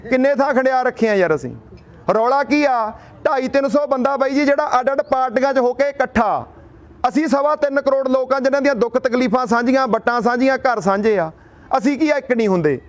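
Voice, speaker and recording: A man's voice: extremely high pitch, brisk. A young man addressing a gathering in a rousing speech, asking and answering his own rhetorical questions and telling a folk tale. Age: young adult.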